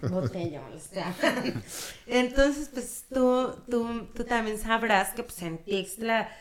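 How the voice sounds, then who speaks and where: A woman's voice: on the high side, expressive, slow pace. A woman from Guerrero with a Mexican accent, chatting casually as a podcast guest. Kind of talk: casual chat.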